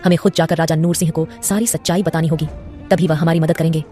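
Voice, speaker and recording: A woman's voice: sits low, fairly even intonation, fast, dark tone, soft background music, close to an everyday voice. A woman voicing a frightened but defiant young woman in an audio story. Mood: earnest.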